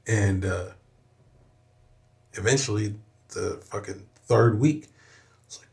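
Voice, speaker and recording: Slow and lowish, with vocal fry and a slightly mellow quality, this young adult man's voice belongs to a Southern California rapper appearing on a podcast. He shares a personal story frankly and forcefully, cursing a lot and repeating "you know what I'm saying."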